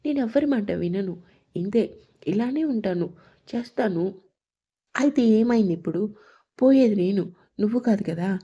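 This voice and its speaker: A woman's voice: mid-range voice, expressive, normal speed, mellow, breathy edge, dull audio. A woman voicing a hurt, stubborn young woman who talks back bitterly, in a narrated audio story. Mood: defiant. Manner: defiant, bitter.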